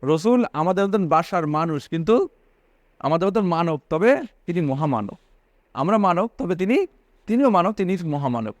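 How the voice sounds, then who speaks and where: A man's voice: sits high, sing-song, moderate pace, no room sound. A man giving a religious sermon, repeating phrases for emphasis and asking his listeners questions. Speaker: preacher.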